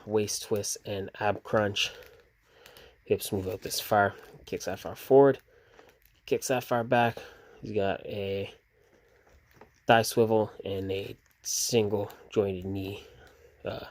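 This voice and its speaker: A sleepy man casually reviewing action figures, relaxed and rambling with fillers and restarts. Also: lowish voice. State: sleepy, yawning.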